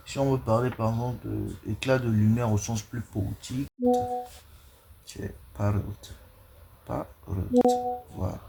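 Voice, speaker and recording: A man's voice: lowish voice, vocal fry, warm tone, slight background noise. A man giving a vocabulary lesson, listing words one at a time and repeating each. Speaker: language teacher.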